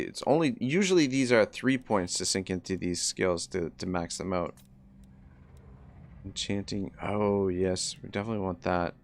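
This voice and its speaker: A man's voice: low voice, creaky, a little hiss or hum. A man hosting a livestream, thinking aloud in casual strategy game commentary.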